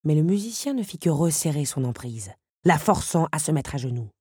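A woman narrating a storybook in a low, mellow, husky voice, measured and expressive. The sound is close and dry, with no room around it. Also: no room sound. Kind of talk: audiobook narration.

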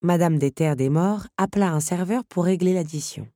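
A woman narrating a storybook in a steady, measured reading voice. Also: lowish voice, no room sound, studio quality. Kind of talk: audiobook reading.

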